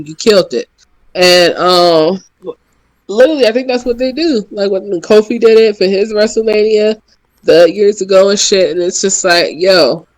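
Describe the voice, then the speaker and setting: High-voiced man, animated and profane. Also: rough recording. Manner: animated, profane, slips into impressions. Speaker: podcast co-host. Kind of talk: casual chat.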